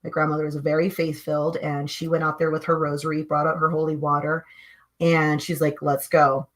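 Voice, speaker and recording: A woman guest telling personal spiritual stories in an animated, emphatic way, swinging between hushed and loud. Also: deep voice, a little fast. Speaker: guest sharing spiritual experiences. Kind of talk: conversational storytelling.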